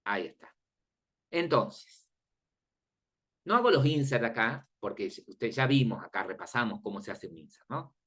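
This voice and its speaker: A male teacher leads a lecture in a voice of ordinary pitch. He talks casually and kindly, walking through each step and pausing now and then to check that the class is following along. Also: sing-song, a bit bright, slightly rough. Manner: explains step by step, checks in often with "¿sí?" and "¿ok?"; informal and friendly with students.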